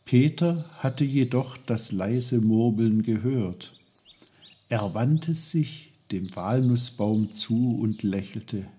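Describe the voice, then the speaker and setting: A man reading a children's story aloud, calm and unhurried. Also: mid-range voice, breathy edge. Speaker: narrator.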